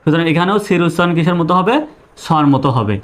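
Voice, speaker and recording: Patient male teacher, slightly high voice. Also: quick pace. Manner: patient, repetitive, asks and answers own questions. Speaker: English pronunciation teacher. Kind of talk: online video lesson.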